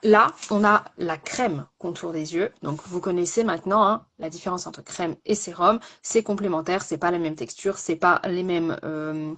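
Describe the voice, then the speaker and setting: A woman's voice: on the low side, normal speed, few pauses, fairly bright tone. A woman in a casual live-stream, a makeup artist presenting a product with many fillers and repeated words.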